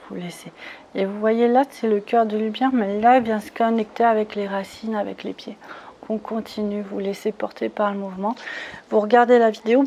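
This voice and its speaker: A spiritual retreat leader guides participants through a meditation talk, soothing and coaxing them step by step and often checking in. Her medium-pitched voice is warm with vocal fry, over slight background noise.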